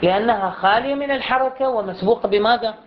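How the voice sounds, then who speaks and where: A recitation teacher leads a classroom lesson, putting questions to the students and drawing example words out slowly so each sound can be heard. The voice sits at an ordinary middle pitch. The recording is dull and lo-fi, with steady background noise running underneath. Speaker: teacher of Quran recitation rules.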